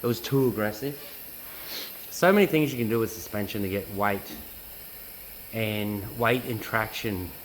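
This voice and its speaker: A man's voice: lowish voice, slight background noise, poor audio. An Australian man vlogging casually from his garage workshop as he preps his drift car, rambling and swearing as he talks. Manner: rambling and profane, laid-back storytelling. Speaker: car builder and drift driver.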